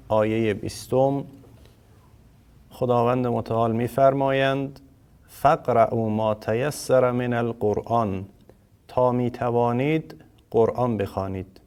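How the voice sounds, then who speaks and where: Guy teaching quran reading, polite and formal, says letters real slow so you can repeat after him. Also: medium pitch, darkish tone, clear, resonant tone. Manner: slow, deliberate, sounds out letters for learners to repeat; polite and formal address to learners. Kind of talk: formal recorded lesson.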